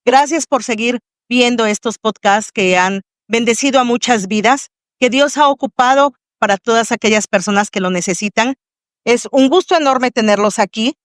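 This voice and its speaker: A woman with a Mexican accent hosts a faith testimony podcast. She speaks in a fairly high voice with a devout, welcoming manner. The sound is dry and close. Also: no echo. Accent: Mexican Spanish. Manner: warm, devout welcoming address to the audience. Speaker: podcast host.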